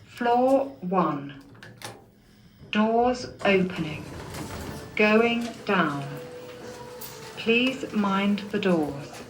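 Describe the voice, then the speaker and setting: An automated female voice giving lift announcements over a loudspeaker, in slow, measured, clipped phrases. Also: mid-range voice, lively intonation. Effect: automated lift announcement played over a loudspeaker. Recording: echoey lift car with background noise, voice from a speaker.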